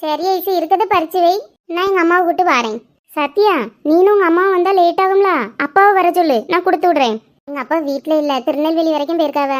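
A woman's voice: extremely high pitch, quick pace. A woman performing a one-woman comedy sketch, switching between a scolding mother, a whiny girl and a friend. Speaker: comedy sketch creator playing all the parts.

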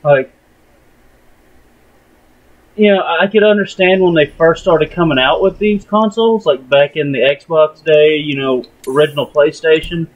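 A man's voice: on the high side, a little slow, dull audio. A man in his mid twenties, co-hosting a casual gameplay chat in a talkative, rambling way. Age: 20s. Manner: talkative, rambling, laughs often. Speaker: gaming channel co-host.

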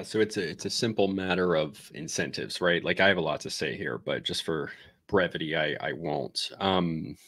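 Deep-voiced man thinking aloud. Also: fairly bright tone, no room sound, studio quality. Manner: digressive, thinks aloud while explaining. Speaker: host reacting to a video. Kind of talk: casual reaction commentary. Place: home room with bookshelves, indoors. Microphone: headset mic.

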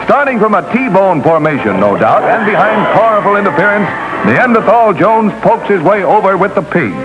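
A man's voice: high voice, very animated, normal speed. Jaunty man narrating an old newsreel. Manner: jaunty, punning, mock-sports commentary. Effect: old newsreel soundtrack. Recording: dull lo-fi 1940s newsreel sound with loud music.

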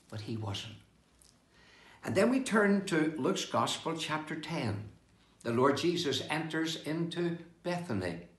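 An older man preaching a devotional sermon indoors, with slow, emphatic delivery that rises and falls. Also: fairly high pitch, a bit bright, roomy sound. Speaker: pastor. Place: indoor room with bookshelves, seated with open Bible.

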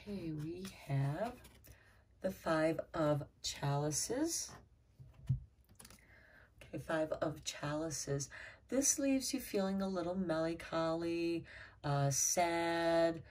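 Woman tarot reader, low voice, calm and reassuring, unhurried, recorded slightly off-mic. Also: recorded from a distance. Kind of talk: tarot card reading.

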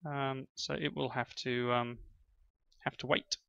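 Middle-aged male gaming host: gravelly, dry close sound, casual chat, cheers his kids on. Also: medium pitch, level tone, measured pace, a bit bright, dry recording. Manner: chatty, praises and encourages his kids. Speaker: gaming channel host playing with his children. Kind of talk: casual gameplay commentary. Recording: slightly dull lo-fi sound.

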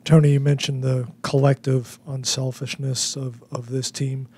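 A male reporter asking a long, measured question at a press conference. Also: medium pitch, little pitch movement, gravelly, a little mellow, breathy edge.

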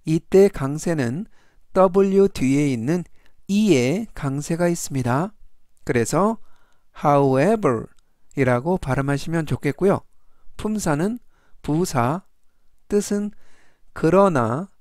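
A man's voice: on the high side, darkish tone, no echo, studio quality. A man teaching English vocabulary in Korean, pronouncing each word carefully and explaining it in polite, formal phrases.

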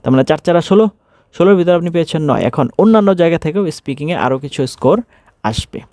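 A man with a Bangladeshi accent teaching a TOEFL lesson, reading English lines slowly and then explaining each one. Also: fairly high pitch, lively intonation, dark tone, no echo, clean studio sound. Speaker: TOEFL instructor.

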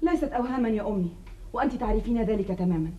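Lady doing a pleading worried daughter, fast, warm muffled voice. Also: a little high, animated, natural voice.

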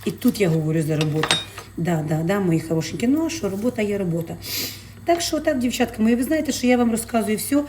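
A woman's voice: mid-range voice, animated, fast, darkish tone, slight background noise. A woman who sells fish, chatting in a casual cooking vlog from her home kitchen. She talks to her viewers affectionately and fills her speech with diminutives. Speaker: fish vendor and vlogger.

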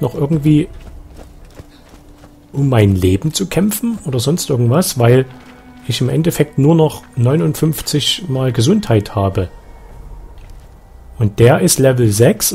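Excitable Saxon gamer with a lively voice. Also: male voice, medium pitch, husky. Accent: Saxon German. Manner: excitable, loud outbursts, swearing at enemies. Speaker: let's play commentator. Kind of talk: live gameplay commentary.

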